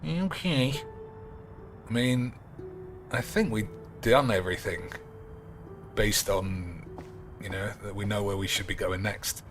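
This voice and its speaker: Lowish voiced guy streaming a game, crude and jokey, talks to himself a lot. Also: takes it slowly, long pauses, faint music behind. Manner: crude, joking, thinks out loud. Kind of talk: casual gameplay commentary.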